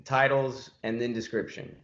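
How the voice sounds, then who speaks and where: A man's voice: mid-range voice, flat delivery, moderate pace, a bit bright. A man hosting a casual podcast chat, asking curious questions and agreeing readily. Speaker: musician podcast host. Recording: roomy, dull lo-fi audio.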